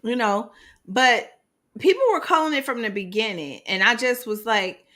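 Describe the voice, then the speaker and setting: A woman co-hosting a podcast in casual chat, animated and expressive, laughing often. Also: fairly high pitch, normal speed. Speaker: podcast co-host.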